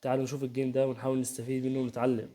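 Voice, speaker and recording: A young chess YouTuber with an Egyptian Arabic accent and a medium-pitched, monotone, dark voice analyzes a game rapidly and chattily, voicing the players' banter and repeatedly asking "تمام؟". It's his first video, recorded on a home setup.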